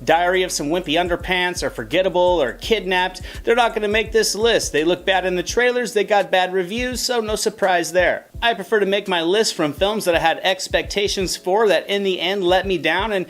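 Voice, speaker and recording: A man's voice: high-pitched, moderate pace, hardly any pauses, a bit bright. A man narrating a scripted top ten countdown as a film review host, with an opinionated, critical delivery.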